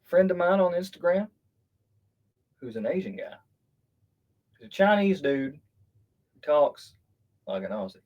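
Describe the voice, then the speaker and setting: A man hosts a casual podcast with an animated, joking delivery. His voice sits a little high and jumps around a lot in pitch, with sudden bursts of loudness. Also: unhurried, pauses often, dull audio. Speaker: podcast host.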